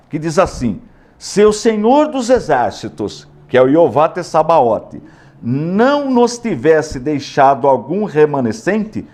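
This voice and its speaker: A man's voice: on the high side, darkish tone. A man with a Brazilian accent teaching a recorded theology lesson, explaining step by step, repeating key words and asking questions. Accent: Brazilian Portuguese. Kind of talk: recorded classroom lecture.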